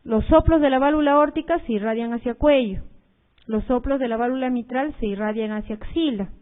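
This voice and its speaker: A woman's voice: a little high, fairly quick. A woman giving a recorded medical lecture, explaining slides with frequent fillers and repeated key points to her students. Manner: explanatory, uses fillers like "este" and "eh". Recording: tinny phone-like audio.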